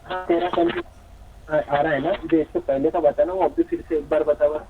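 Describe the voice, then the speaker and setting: Brief: male caller, choppy stuttering call audio, tinny phone line, lively pitch. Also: normal speed, creaky, background noise. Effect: choppy call audio that stutters and cuts out. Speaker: caller asking a question. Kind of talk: casual call-in question.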